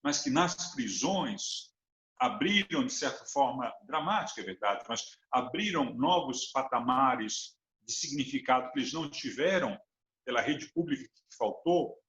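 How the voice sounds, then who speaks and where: A man's voice: fairly high pitch, fairly bright tone. A man from Brazil with a Brazilian Portuguese accent, speaking as an interview guest in an earnest, thoughtful way and building his points with examples. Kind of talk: reflective interview talk. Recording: roomy, dull lo-fi sound.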